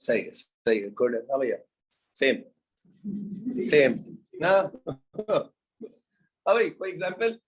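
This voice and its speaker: A man's voice: medium pitch, big pitch swings, slow, pauses often, slightly rough. A man lecturing an economics class in an informal way, teasing his students and calling them brother and son.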